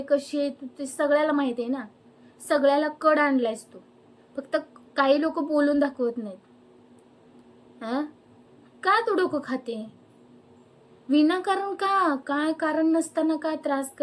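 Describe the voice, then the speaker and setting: A young woman ranting angrily to camera, firing off indignant rhetorical questions. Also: high-pitched. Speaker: vlogger. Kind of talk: angry personal rant to camera.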